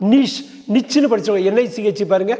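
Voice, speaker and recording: A man's voice: high voice, fast, warm tone. A man teaching English pronunciation, spelling words out letter by letter and asking the listener rhetorical questions. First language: Tamil. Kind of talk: explaining pronunciation. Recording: long hall reverb.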